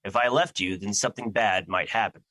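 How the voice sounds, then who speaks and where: Audio drama: male actor as an ancient embodiment of fear, grandiose and troubled, forceful edge, dry recording. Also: on the low side, fairly quick, no room sound. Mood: regretful, earnest. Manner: formal, grandiose, theatrical.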